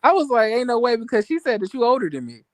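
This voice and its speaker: A man's voice: very high-pitched, sing-song, fast, no echo. A man in his twenties in a casual gossip chat, asking curious questions with many restarts. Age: 20s. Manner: curious, hesitant, full of restarts.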